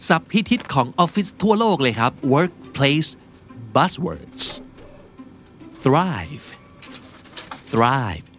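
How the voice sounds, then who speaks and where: A man hosting a podcast, teaching English words in a chatty, casual way and reading example sentences slowly. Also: medium pitch, no echo. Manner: chatty, explains with slow read-out example sentences. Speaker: podcast host. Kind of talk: casual English vocabulary lesson.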